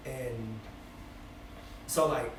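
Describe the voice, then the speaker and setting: Speaking extremely slowly at medium pitch, this rapper guest, a Bay Area man in his twenties, reflects loosely in a casual interview, leaning on fillers and "you feel me." It sounds like an echoey room picked up on a distant, noisy mic.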